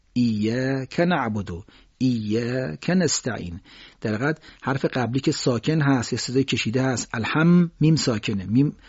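Male radio recitation teacher, medium pitch, slightly husky, patient explainer, dry muffled studio sound. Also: a little mellow, no room sound. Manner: patient explanation, pausing often with fillers; demonstrates vowel sounds slowly and drawn out. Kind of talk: radio lesson on Quran recitation.

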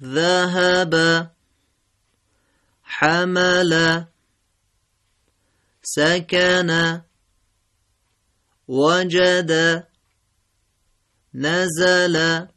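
A man reciting single example words one by one, slowly and deliberately, for a recitation lesson. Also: sits high, flat delivery, sharp tone. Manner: slow, deliberate word-by-word recitation. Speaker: Quran reciter giving examples.

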